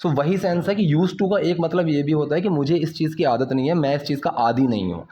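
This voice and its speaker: A man with an Indian accent gives a casual English lesson. He often stops to check "ठीक है?" and says English phrases very slowly. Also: on the high side, highs cut off, a little hiss or hum. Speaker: English teacher.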